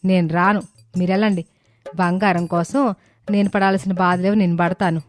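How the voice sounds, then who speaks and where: A greedy mother-in-law plots and wheedles in a lowish voice, as a woman plays her. It is storybook drama acting over soft background music. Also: fairly even intonation, normal speed, lightly acted. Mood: scheming. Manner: plotting, wheedling and defensive.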